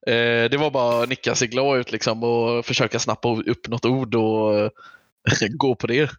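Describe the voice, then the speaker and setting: A man's voice: mid-range voice, little pitch movement, dry recording. A man, chatting casually as a podcast co-host on a slightly muffled microphone. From Gothenburg, Sweden. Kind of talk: casual chat.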